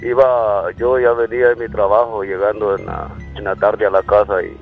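A man's voice: fairly low pitch, flat delivery, normal speed, creaky, phone-quality sound, faint music behind. A man calling in to a talk show through a demonic voice filter, telling his story in a plain, matter-of-fact way. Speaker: caller. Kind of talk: phone-in story.

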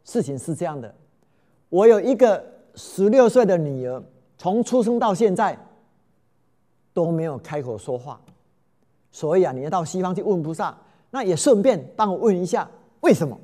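A man voicing an elderly father explaining softly in a folk tale. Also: high voice, very animated, moderate pace, pauses often. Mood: earnest. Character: elderly kind father, worried.

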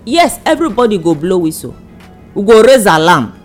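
Animated Nigerian woman speaking Pidgin. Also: medium pitch, fairly quick, soft background music. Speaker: radio show panelist. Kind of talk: casual radio discussion.

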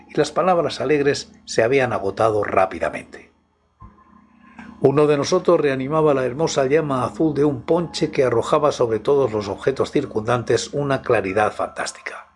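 A man narrates scripted horror stories in a hushed, intimate half-voice, as if right in the listener's ear. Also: medium pitch. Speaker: channel host and horror story narrator. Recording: music behind the voice. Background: background music.

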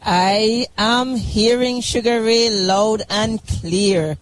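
Calm affirming radio co-host woman. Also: a little high, drawn-out words, no room sound, poor audio. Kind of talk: radio talk show.

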